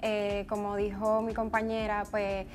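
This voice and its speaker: A woman's voice: medium pitch, completely flat delivery, unhurried, soft background music. A woman, a dancer guest on a TV show, speaking hesitantly with many fillers. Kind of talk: TV interview. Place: TV studio set.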